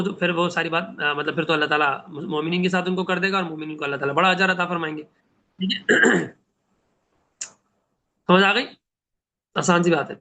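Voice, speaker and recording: Bright high-voiced man teaching a Quran class. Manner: asks the class questions and answers them himself; recites Arabic verses slowly.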